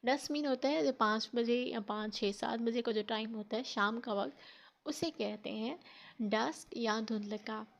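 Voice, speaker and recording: A woman with a mother tongue, teaching a spoken English lesson through slow, deliberate pronunciation drills. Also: fairly high pitch, creaky, dull audio. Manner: slow, deliberate quiz-style word drills.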